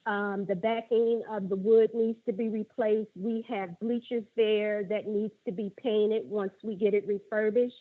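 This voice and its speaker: A woman's voice: medium pitch, steady tone, measured pace, hardly any pauses. A middle-aged woman calling in by phone to a public forum, earnestly working through her prepared points one by one. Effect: tinny phone line. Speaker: caller at a public budget forum. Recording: narrow phone-line audio.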